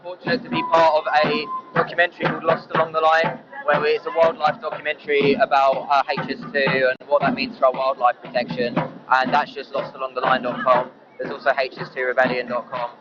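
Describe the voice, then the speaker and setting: A man's voice: medium pitch, completely flat delivery, a little fast. A man with an Essex accent speaking earnestly and hesitantly as an activist in a casual live interview. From Essex, England. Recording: muffled audio under loud music.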